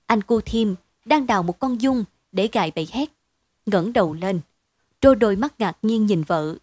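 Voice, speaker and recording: A woman reading a story aloud in a steady, expressive bedtime storytelling manner. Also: mid-range voice, moderate pace, no echo. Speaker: narrator.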